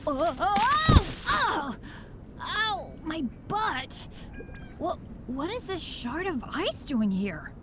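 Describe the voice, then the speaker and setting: A woman's voice: high voice, sing-song, takes it slowly, background noise, exaggerated voice. A woman voicing an earnest, upbeat, unlucky teenage boy adventurer in an anime-style video game. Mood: eager, hopeful. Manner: eager, boyish, earnest.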